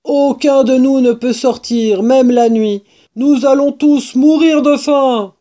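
A woman voicing a panicked, desperate old male badger in a storybook, with loud, drawn-out, anguished outbursts. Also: fairly high pitch, steady tone, voice pushed up. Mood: alarmed. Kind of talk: storybook character voice.

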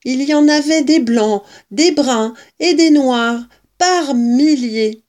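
A woman reading a children's storybook aloud as narrator, slowly and expressively. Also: high voice, darkish tone.

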